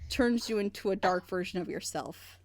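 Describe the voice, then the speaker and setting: A woman with a medium-pitched voice and moderate pace analyzes a plot twist critically on a group reaction show, leaning on rhetorical questions to make her argument. The chat is animated, and there's a little hiss or hum in the recording.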